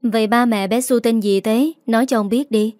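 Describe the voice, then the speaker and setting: A woman's voice: fairly high pitch, steady tone, normal speed, a little mellow, dry recording, clean studio sound, close to an everyday voice. A woman reading the lines of a worried middle-aged husband in an audiobook story, barely changing her voice. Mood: gentle. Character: gruff older husband, worried and demanding.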